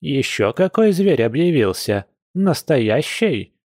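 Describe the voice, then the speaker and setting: A man's voice: a little high, big pitch swings, darkish tone, no echo, clean studio sound, exaggerated voice. A man voicing a grumbling, crafty old village grandmother in an audiobook, drawing out her words in a folksy, wheedling way. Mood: anxious, hushed. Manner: folksy, wheedling, drawn-out speech. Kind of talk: audiobook character voice.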